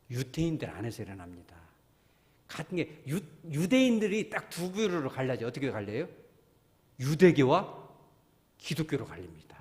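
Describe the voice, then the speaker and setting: A man preaching a sermon as pastor, lively and conversational, acting out quoted voices and putting questions to his congregation. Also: on the high side. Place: church sanctuary. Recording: long reverb of a church hall.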